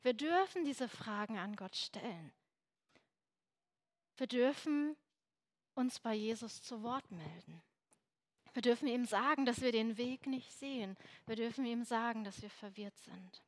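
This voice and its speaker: A woman's voice: on the high side, animated, measured pace, dry recording. A young woman giving an earnest, emphatic sermon, at times dropping to a near whisper for emphasis. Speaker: preacher.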